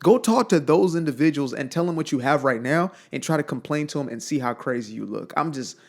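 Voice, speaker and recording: A man's voice: on the high side, animated, a little fast, vocal fry. A young man from Zimbabwe giving an emphatic, blunt motivational monologue, repeating phrases for weight. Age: young adult. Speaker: motivational speaker.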